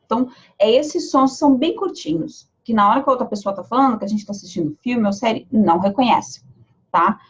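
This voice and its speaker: Woman, Brazilian Portuguese accent, English teacher, husky, slightly dull lo-fi sound. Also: a little high. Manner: explains step by step, repeating example phrases slowly. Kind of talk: pronunciation lesson.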